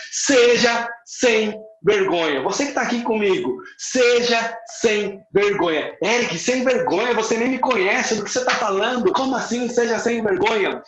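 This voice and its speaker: A middle-aged Brazilian man with a Brazilian accent, teaching English in a live online class. He switches between English phrases and their Portuguese translations and stretches key words for emphasis. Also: high-pitched. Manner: says phrases in English, then repeats them in Portuguese. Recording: echoey room, slightly dull sound.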